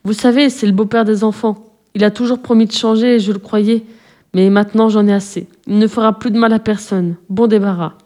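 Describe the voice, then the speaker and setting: A woman's voice: medium pitch, fairly even intonation, brisk, dark tone, natural voice. A woman as a hardworking young mother. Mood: tender.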